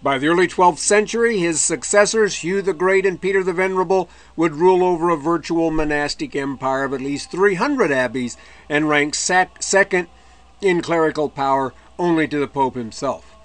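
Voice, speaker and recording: A man's voice: a little high, normal speed. A man giving a recorded history lecture, explaining in a conversational way with dry asides and occasional mid-word self-corrections.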